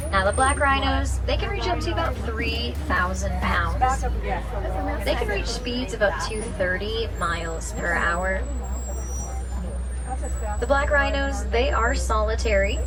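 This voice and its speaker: A woman working as a safari guide, narrating a live tour from a truck in projected, rehearsed short phrases. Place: open safari truck outdoors. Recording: distant onboard speaker, loud vehicle and crowd noise. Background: vehicle rumble, outdoor ambience, people.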